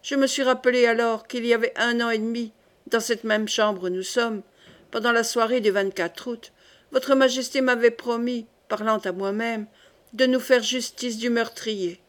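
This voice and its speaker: A bold young nobleman who answers his king with perfect composure and quiet defiance. A woman reads him in a fairly high voice. It is an audiobook reading. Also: normal speed, close to an everyday voice. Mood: calm. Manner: calm, composed.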